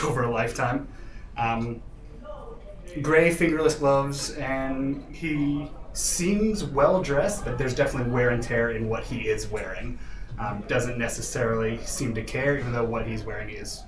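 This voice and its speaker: A man narrates a tabletop game from a little way off the mic in a roomy, noisy space. His voice is mid-pitched, and he builds each description hesitantly, bit by bit. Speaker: game master describing the scene. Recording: roomy, distant mic with clear background noise.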